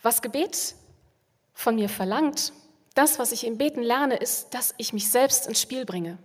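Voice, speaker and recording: A woman speaking as a pastor in a calm, reflective way, repeating phrases for emphasis. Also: on the high side, measured pace, breathy edge. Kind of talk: spiritual reflection on prayer. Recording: long hall reverb.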